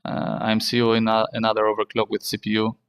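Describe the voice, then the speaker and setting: A man hosting a casual tech tutorial in halting, non-native English, repeating himself and using fillers. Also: on the low side, monotone, clean tone, muffled recording. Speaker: tech channel host.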